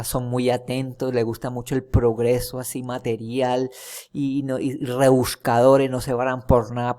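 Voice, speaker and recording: A man's voice: mid-range voice, darkish tone. A Colombian man teaching a casual history lesson, rambling with many fillers and restarts, often checking in with his students. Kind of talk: casual classroom lecture over a map.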